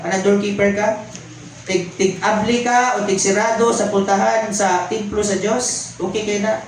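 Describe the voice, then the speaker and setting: A man preaching a conversational sermon, mixing in English and calling out to the congregation. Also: sits high. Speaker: pastor. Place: church hall. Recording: very echoey church hall, faint background noise.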